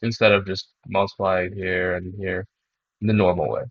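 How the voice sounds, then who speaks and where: A young man who is sick talks in a monotone, hesitant way, with many pauses and restarts, as he works through a math club problem. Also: sits low. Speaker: math club student presenter. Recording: dull dry recording.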